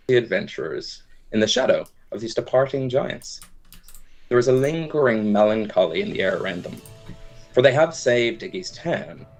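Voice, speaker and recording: A man acting as game master, narrating a tabletop fantasy game with dramatic storytelling and casual rulings. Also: on the low side.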